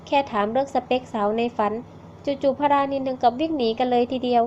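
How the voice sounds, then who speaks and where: High-voiced woman reading a novel. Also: quick pace, lo-fi sound, a little hiss or hum. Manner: steady reading. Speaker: novel narrator. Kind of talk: storybook narration.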